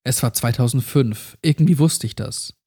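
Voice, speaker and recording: A man reading a first-person horror story aloud in a measured, grave storytelling tone. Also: mid-range voice, dark tone, breathy edge. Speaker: creepypasta narrator.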